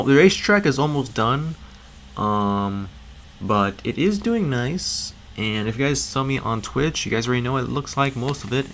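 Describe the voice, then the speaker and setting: Low-voiced gamer guy rambling thru a minecraft build tour, voice kinda shot, lots of ums. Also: fairly bright tone, slight background noise, low-quality recording. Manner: rambling, hesitant, many fillers. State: voice worn and strained. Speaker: gaming channel host.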